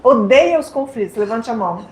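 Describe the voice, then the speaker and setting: A woman's voice: fairly high pitch, animated, fairly quick. A French woman with a French accent giving a live lecture, talking directly and playfully and putting questions to her audience. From France. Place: lecture hall. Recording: echoey hall with faint noise.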